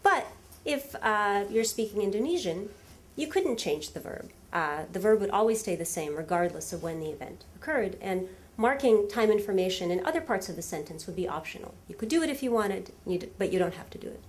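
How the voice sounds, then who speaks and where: A native Russian-speaking woman delivers a lively academic lecture from a lectern in a large hall, using frequent fillers and rhetorical questions to the audience. Her mid-range voice moves briskly.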